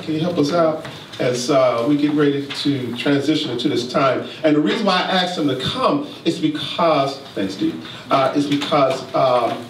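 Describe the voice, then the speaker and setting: A man pastor giving a church leadership talk, urging the congregation to answer back in a preacherly way. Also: a little high. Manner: preacherly, slow emphatic asides, prompts the congregation. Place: church sanctuary. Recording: echoey church room, distant mic, noisy.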